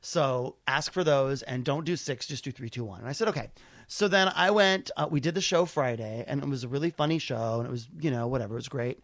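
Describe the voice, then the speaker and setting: A man's voice: medium pitch, a little fast, dry recording. An American man telling a personal story casually, acting out the conversations as he goes. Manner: animated retelling with quoted dialogue. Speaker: stand-up comedian.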